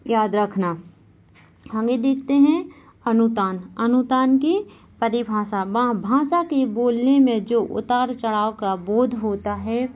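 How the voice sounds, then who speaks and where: A woman teaching a Hindi grammar class for exam candidates, slowly repeating each point and asking questions that she answers herself. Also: fairly high pitch, narrow, tinny audio. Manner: slow and repetitive, asks questions and answers them herself; keeps saying "okay, remember this". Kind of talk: exam-prep class lecture.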